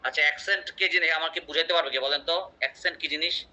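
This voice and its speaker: A man's voice: fairly high pitch, fast, pushed and bright. A man teaching an English class, explaining with examples and quizzing his students. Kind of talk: online class lecture. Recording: muffled lo-fi audio.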